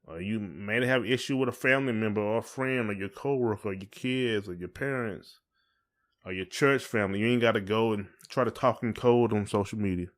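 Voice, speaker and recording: Speaking a little fast in a fairly low voice, an American man trades casual talk with his spouse on their podcast. Opinionated and repetitive, he slips into impressions of people as he quotes them.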